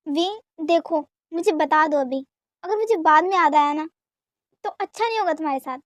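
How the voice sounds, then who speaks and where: A woman's voice: high voice, animated, no echo. A woman voicing a stubborn, demanding young wife who pouts and accuses in an amateur romantic fan dub. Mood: accusing. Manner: insistent, pouting, quick to accuse.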